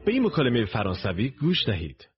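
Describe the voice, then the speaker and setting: A man narrating a recorded language course in slow, deliberate, instructive steps. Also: medium pitch, wildly swooping pitch, soft background music. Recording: dull lo-fi tape recording.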